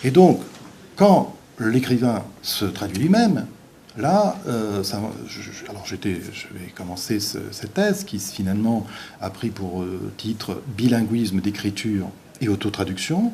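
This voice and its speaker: Middle-aged male professor, lowish warm voice, halting academic lecture with dry wit. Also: slight background noise. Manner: hesitant, halting delivery with many pauses; dry, wry humor in asides. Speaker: visiting professor giving a lecture.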